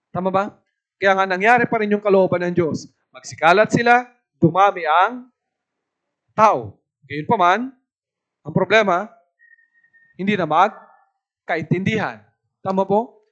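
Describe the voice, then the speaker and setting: A high-voiced evangelist from the Philippines preaches to a youth camp. He keeps his talk lively and asks his listeners again and again whether they follow him. The recording sounds dull and lo-fi. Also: measured pace, pauses often. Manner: lively, asks the audience "tama po ba" often.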